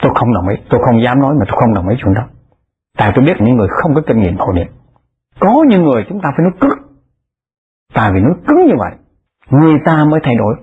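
A man tells stories in a Buddhist dharma talk. His voice is very husky and swoops up and down with animation. It comes through a tinny, phone-like, lo-fi recording. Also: mid-range voice, big pitch swings, fast talker, long pauses. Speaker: Buddhist lay dharma speaker.

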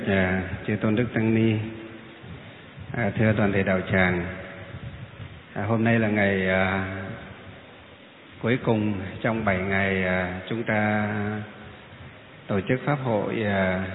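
A man with a Northern Vietnamese accent gives a Buddhist dharma lecture, speaking slowly and haltingly with many drawn-out fillers. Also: fairly low pitch, a little hiss or hum. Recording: echoey hall on a tinny phone-like line.

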